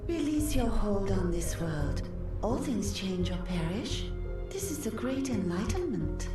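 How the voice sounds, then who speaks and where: Solemn mystical game sage, calm and melodic, distant reverberant capture. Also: female voice, medium pitch, measured pace. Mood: serene. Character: serene, mystical female sage. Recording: echoey game audio from afar with music.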